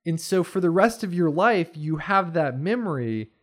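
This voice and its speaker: A young man chatting casually on a podcast, telling stories in a rambling, animated way. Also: a little high, normal speed. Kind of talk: casual chat.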